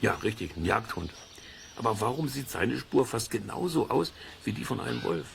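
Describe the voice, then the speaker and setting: A man with a lowish, expressive voice narrates a children's educational audio play at a moderate pace, explaining things simply and conversationally with playful comparisons. His voice is creaky, and there's a slight hiss or hum. He serves as host and storyteller.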